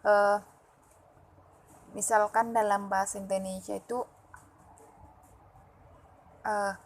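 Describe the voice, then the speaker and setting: A woman presenting phonology material as a student, reading her notes aloud and pausing often with fillers and restarts. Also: mid-range voice, little pitch movement, slight background noise, poor audio. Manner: halting, with frequent "eh" fillers and restarts. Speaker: student presenting an exam assignment.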